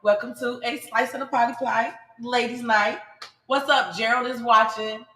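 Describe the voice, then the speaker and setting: A woman's voice: a little high, steady tone, moderate pace, bright, forceful tone. Chatty woman host in her forties. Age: 40s. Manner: chatty, laughing, asks questions. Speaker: podcast host. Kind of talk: casual chat. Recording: roomy echo.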